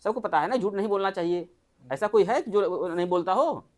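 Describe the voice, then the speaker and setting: Doctor, mid-pitched, casual group health talk, keeps firing rhetorical questions. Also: fairly quick, a little mellow. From Uttar Pradesh, India. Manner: chatty, asks the listeners many rhetorical questions.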